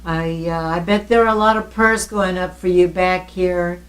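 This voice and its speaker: A woman's voice: lowish voice, steady tone, normal speed. A woman conducting a conversational oral history interview, attentive, with murmured acknowledgements and follow-up questions.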